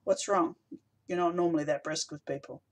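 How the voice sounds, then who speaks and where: A man reading as a calm, loyal young man. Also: fairly high pitch, fairly quick, close to an everyday voice. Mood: concerned.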